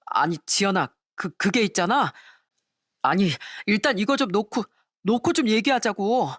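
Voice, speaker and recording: A woman's voice: mid-range voice, lively intonation, moderate pace, dry recording, lightly acted. A woman voicing a deceitful young male fiancé who stammers out excuses. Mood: flustered. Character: deceitful two-timing young fiancé, man.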